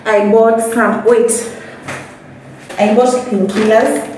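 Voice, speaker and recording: A woman's voice: a little high, slow, recorded from a distance, a little hiss or hum. Chatty young woman vlogging in an echoey room. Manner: chatty, animated, laughing often. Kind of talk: casual vlog chat to camera. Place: small indoor room, then outdoors by a pool. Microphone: phone camera set at a distance. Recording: echoey room, voice from off-mic, music behind.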